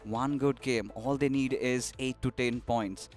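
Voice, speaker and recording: An excitable Indian man sitting in as a guest analyst on a mobile esports broadcast, pausing often on fillers. His voice sits mid-range. Faint music sits underneath. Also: medium pitch. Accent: Indian English. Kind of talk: esports analyst desk commentary.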